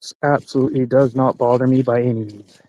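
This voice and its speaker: Canadian man in his 40s, live-stream hiking vlogger, rambling profane chatter, dry close sound, mid pitch. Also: steady tone, quick pace, warm tone, no room sound, lo-fi sound. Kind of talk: casual live-stream chat while hiking. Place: outdoors on a forest trail.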